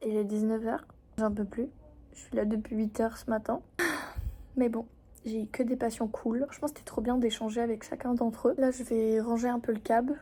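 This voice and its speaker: A young woman from Réunion talks casually to her vlog audience about her workday as an osteopath. Her voice sits a little high, she fills her talk with fillers, and at times she drops into a soft whisper. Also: little pitch movement, slight background noise. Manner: chatty, quick, lots of fillers, shifting between soft whispers and louder talk. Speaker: osteopath vlogger.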